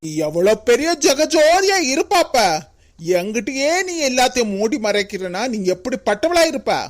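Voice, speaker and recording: A woman's voice: on the high side, very animated, moderate pace. A woman voicing a remorseful, stern older brother in a cartoon, speaking with a Kanyakumari Tamil accent. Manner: emotional, pleading then scolding. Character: remorseful then stern adult brother, head of family. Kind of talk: cartoon voice acting.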